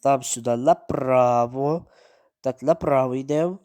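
A man giving running gameplay commentary, narrating his own moves, repeating words and breaking into sudden excited outbursts. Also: mid-range voice, a little slow. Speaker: mobile game streamer.

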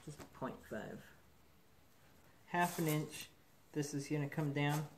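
A man's voice: on the high side, slow, slight background noise. Man explaining a shop build. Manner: relaxed, thinking aloud with fillers. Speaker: metal fabricator demonstrating a build. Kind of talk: casual shop demonstration. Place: indoor metal fabrication shop. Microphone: camera mic, speaker off-frame above the bench.

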